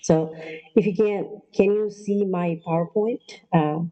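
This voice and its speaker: A woman from Nepal giving an online lecture as a nurse practitioner, pausing often with ums and uhs. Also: lowish voice, steady tone, dull audio. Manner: halting, many ums and uhs. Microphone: video call.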